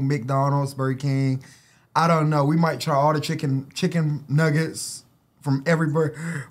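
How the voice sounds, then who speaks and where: A man co-hosting a casual food-tasting video, excitable and playful, with loud outbursts and bursts of laughter. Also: a little high. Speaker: co-host of a food-tasting channel.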